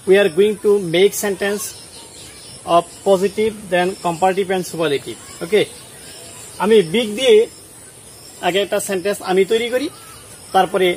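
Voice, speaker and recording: Explaining at a board, a high-voiced man teaches students English grammar one rule at a time. Repeated questions check whether they follow, and a faint hiss or hum runs under the audio.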